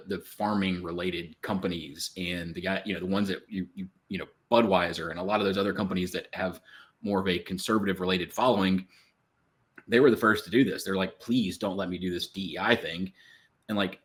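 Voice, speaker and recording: Low-pitched male panelist, loose and hedging delivery. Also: fairly even intonation, fairly quick. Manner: rambling, hedging with many fillers. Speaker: panel co-host. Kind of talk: casual podcast discussion.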